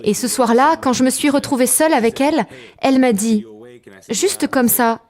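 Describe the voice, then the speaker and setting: High-voiced woman, calm testimony voice-over. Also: moderate pace. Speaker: testimony narrator.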